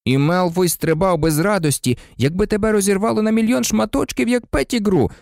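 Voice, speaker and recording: A man's voice: sits high, fairly quick, creaky, a little mellow, dry recording, clean studio sound, voice pushed up. Man playing a blunt, indignant schoolboy. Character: blunt teenage schoolboy, quick to anger.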